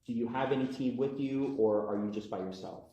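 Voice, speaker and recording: A man questioning a witness as prosecutor in a measured way, heard in a courtroom recording. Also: medium pitch, mellow, dull audio. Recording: echoey courtroom audio.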